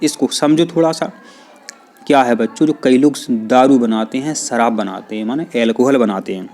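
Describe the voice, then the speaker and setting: A man's voice: medium pitch, moderate pace, darkish tone. A man teaching a science lesson, who keeps putting questions to his students and answering them himself. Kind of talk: classroom explanation.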